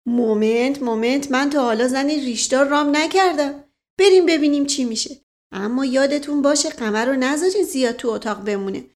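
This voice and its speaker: Female reader doing a suave older gentleman, playful and coaxing, raised and bright, storybook role. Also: sits high, pitched above the performer's own voice, lightly acted. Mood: teasing. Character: charming older male nobleman, smooth-talking ladies' man. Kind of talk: audiobook character reading.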